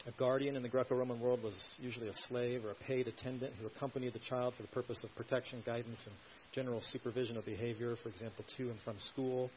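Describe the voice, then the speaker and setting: A man's voice: medium pitch, a little mellow, highs cut off, slight background noise. A male pastor preaching an earnest sermon, building to emphatic rhetorical questions.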